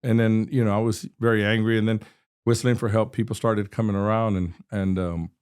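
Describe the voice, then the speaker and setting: A man's voice: lowish voice, level tone, a little fast, a little mellow, clear, resonant tone. A man in his sixties from Texas, a state representative telling a personal story as a podcast guest, earnest and vivid, often restarting his sentences.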